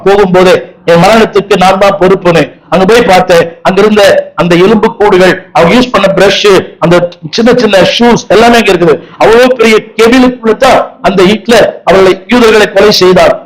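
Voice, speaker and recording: A man with a noticeably high voice preaches briskly to a congregation, hammering home repeated lines and calling for the crowd to answer him aloud in a call-and-response sermon.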